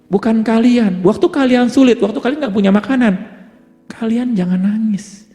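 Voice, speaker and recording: A man's voice: very high voice, normal speed, warm tone. A man preaching a sermon, asking rhetorical questions and answering them himself, building to emphatic peaks and dropping English words into his talk. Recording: long hall reverb with faint music behind.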